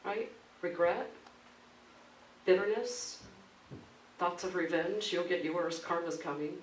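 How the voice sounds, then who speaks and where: A man's voice: sits high, slow pace. A man, a minister, preaching a conversational sermon with storytelling, often asking the congregation questions. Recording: roomy hall from a distance, faint background noise.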